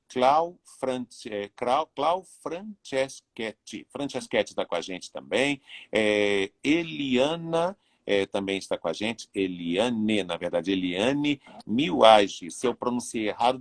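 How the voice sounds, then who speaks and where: Chatty man in his sixties hosting. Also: fairly low pitch. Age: 60s. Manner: chatty, warm greetings to viewers with many fillers. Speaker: interviewer and live show host. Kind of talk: live interview.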